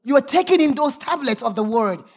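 A woman's voice: high-pitched, animated, fairly quick. A woman pastor preaching a sermon, reading scripture aloud with emphatic, sometimes sung, calls to the congregation.

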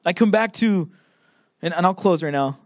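A young man preaching in a casual, emphatic way, circling back on his phrases as he drives each point home. His voice sits high for a man, and the sound is dry and close. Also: normal speed, dry recording. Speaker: pastor. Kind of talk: sermon.

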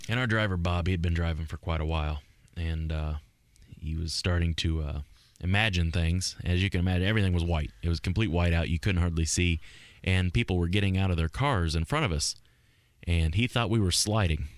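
A man's voice: low voice, fairly quick. A man co-hosting a podcast, telling a travel story in casual chat with dry, wry humor. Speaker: podcast co-host.

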